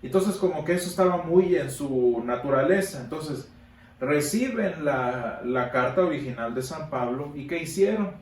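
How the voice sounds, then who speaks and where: A man teaching a Sunday school Bible class, emphatic, repeating words for stress and pausing on fillers. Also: fairly high pitch, lively intonation. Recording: echoey room from a distance, faint background noise.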